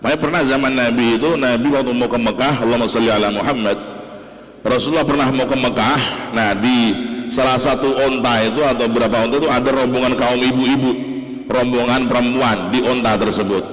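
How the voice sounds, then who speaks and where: A man preaching with a Javanese accent, his voice at an ordinary middle pitch. He talks in an animated way, repeats his points and turns often to his listeners. The sermon rings through a big mosque hall, with a long, roomy echo. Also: brisk, crowd noise. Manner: animated, repetitive, addresses the audience directly. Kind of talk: morning sermon study.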